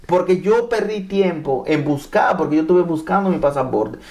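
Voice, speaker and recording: A man from Mexico who speaks Spanish as his first language, telling his immigration story in an animated testimony, often repeating and restarting his phrases. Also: a little high, moderate pace. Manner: repeats and restarts phrases, acts out quoted dialogue.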